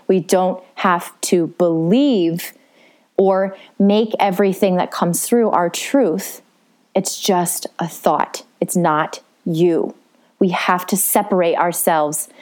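A woman coaching in a gentle, reflective self-help talk, slowing down to stress key points. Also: on the low side.

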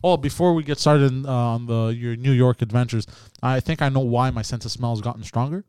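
A man's voice: medium pitch, brisk, a little mellow, clear, resonant tone, no room sound. A man chatting casually as a podcast co-host, with teasing, sweary banter. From Quebec, Canada. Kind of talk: casual chat. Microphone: podcast mic with headphones.

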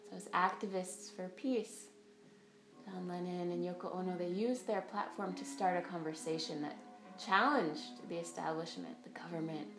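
A woman's voice: lowish voice, fairly even intonation, moderate pace. A woman teaching a guided yoga class, giving step-by-step directions and breath counts. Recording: roomy echo, faint music behind.

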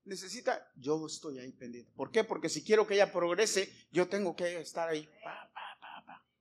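A man's voice: sits high, normal speed. A middle-aged man preaching a sermon to a congregation, emphatic, repeating his points and putting questions to the listeners. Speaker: pastor. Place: church before a congregation.

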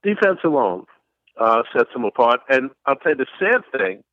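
A man's voice: mid-range voice, big pitch swings, moderate pace. A man co-hosting a casual sports talk show, telling stories with emphasis. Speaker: co-host. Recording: dull, dry lo-fi audio.

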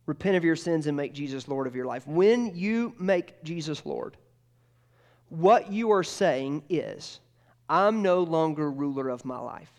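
A male pastor preaching a sermon in an earnest way, repeating phrases and dropping softer as he prays. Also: a little high, expressive, a little slow. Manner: earnest, repeats phrases, drops to soft tones in prayer.

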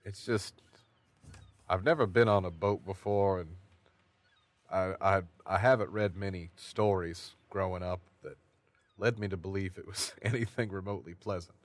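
A man's voice: low voice, steady tone, moderate pace, no echo. A man playing a tabletop game, speaking in formal, precise phrases. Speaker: player. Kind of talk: casual role-play at a game table.

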